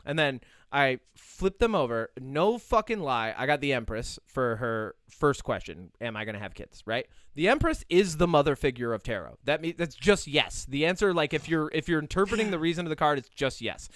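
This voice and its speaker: Animated young man hosting a podcast. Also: medium pitch, clean tone, no echo, clean studio sound. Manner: animated storyteller, laughs often, restarts. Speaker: podcast host. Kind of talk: casual chat.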